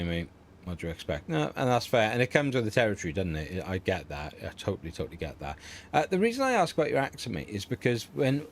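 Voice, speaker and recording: A middle-aged man hosts a casual livestream from home, chatting in a rambling, easygoing way and laughing often. His voice is medium in pitch, and the recording has a little hiss or hum.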